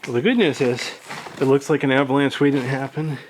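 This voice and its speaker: A man's voice: medium pitch, steady tone, quick pace, a little hiss or hum. A man narrating a casual exploration vlog inside a cave, rambling with dry humor, his voice echoing off the rock. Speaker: cave explorer filming himself.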